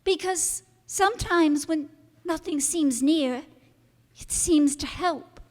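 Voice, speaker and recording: Slow and tender, the radio drama's innocent young girl, played by a woman, speaks in a high, calm voice. She is earnest and trusting in her frankness and chides mildly. A long hall reverb hangs around every line.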